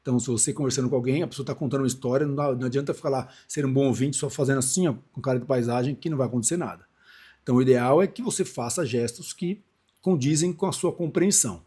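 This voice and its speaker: A man's voice: medium pitch, rapid-fire, dark tone, breathy edge. A man in his forties from Brazil, giving a loose, conversational lesson on public speaking with frequent restarts and asides. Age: 40s. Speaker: speaking coach. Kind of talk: casual on-camera lesson.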